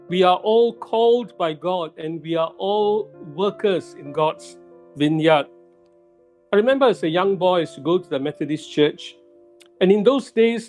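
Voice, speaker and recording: A middle-aged male pastor giving a sermon in a church, speaking slowly and deliberately and repeating key phrases for emphasis. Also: high-pitched, darkish tone. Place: church sanctuary.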